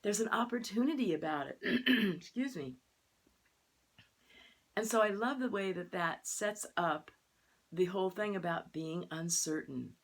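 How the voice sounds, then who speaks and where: Low-voiced older woman minister telling stories. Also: breathy edge. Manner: chatty storytelling, lively quoted voices. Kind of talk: sermon.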